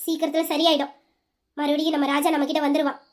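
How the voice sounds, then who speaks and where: A woman voicing a firm, protective elder sister who gives steady, commanding instructions in an audio drama. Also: sits high, fast talker, pitched below the performer's own voice, lightly acted. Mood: reassuring.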